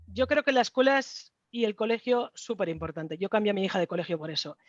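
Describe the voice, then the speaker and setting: A woman's voice: medium pitch, expressive, fast, no room sound. Earnest mother in a dull recording. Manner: earnest, conversational, with many fillers. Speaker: mother of a child with a rheumatic disease. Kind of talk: round-table discussion.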